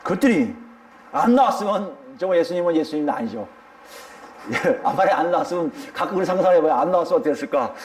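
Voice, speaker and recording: A man's voice: on the high side, expressive, quick pace. A male pastor preaching a sermon, speaking emphatically and addressing the congregation directly.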